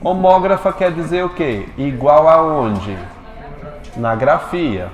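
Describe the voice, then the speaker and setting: A man with a Brazilian Portuguese accent teaching a classroom lecture and quizzing his students with quick questions. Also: fairly high pitch, lively intonation. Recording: echoey classroom with long reverb, faint noise.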